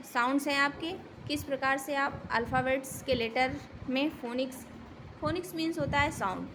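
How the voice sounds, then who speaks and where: A woman with a high voice teaches letter sounds slowly. She asks a question about each letter and repeats the sound twice. A faint hum of the room can be heard behind her. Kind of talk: phonics lesson for children.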